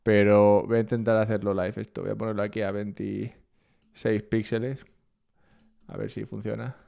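A man's voice: fairly low pitch, moderate pace, gravelly. A man from Spain with a Spain Spanish accent, chatting casually and rambling to his live-stream chat from home. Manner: relaxed, rambling, self-mocking.

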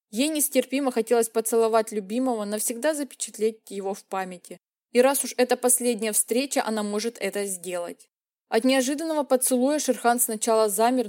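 A woman narrating a romance audiobook in a measured, emotive reading. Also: a little high, mellow.

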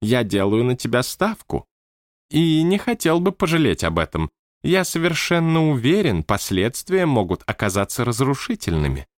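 Guy doing a squeaky bossy otherworldly big shot, snooty, dry close sound. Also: very animated, moderate pace, dry recording, lightly acted. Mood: stern. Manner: haughty, impatient, theatrical. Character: imperious otherworldly male boss, high and commanding.

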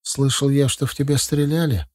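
Мужчина-чтец озвучивает молодого эмоционального милиционера, говорящего торопливо и горячо. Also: male voice, medium pitch, fairly even intonation, darkish tone, no echo, studio quality, natural voice. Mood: effusive. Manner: quick, effusive, emotional. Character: young excitable male policeman, warm-hearted.

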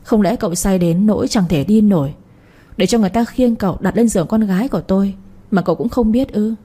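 A man's voice: high-pitched, fast talker, dark tone, breathy edge. A woman voicing a powerful older male magistrate who speaks coldly and commandingly in a storybook reading. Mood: menacing. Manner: cold, commanding, menacing.

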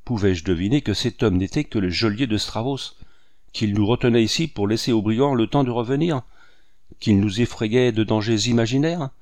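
A man reading the lines of a haughty, indignant middle-aged Englishwoman in an audiobook, scolding with rapid reproachful questions. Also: medium pitch, darkish tone, no echo, clean studio sound, close to an everyday voice.

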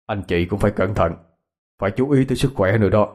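A man's voice: fairly low pitch, a little mellow, natural voice. A man voicing a worried older father who apologizes humbly and hesitantly, with a Southern Vietnamese accent. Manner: hesitant, humble, full of 'à' pauses.

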